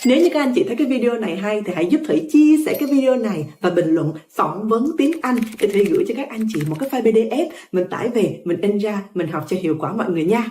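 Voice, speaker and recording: A woman whose first language is Vietnamese, teaching English pronunciation in a slow, clear lesson and repeating words syllable by syllable. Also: mid-range voice, animated, warm tone, slight background noise.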